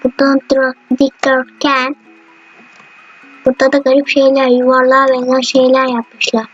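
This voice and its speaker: A woman giving chatty, excitable commentary while playing a video game. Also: high-pitched, moderate pace, muffled recording. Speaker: gamer. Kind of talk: gameplay commentary. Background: faint game music.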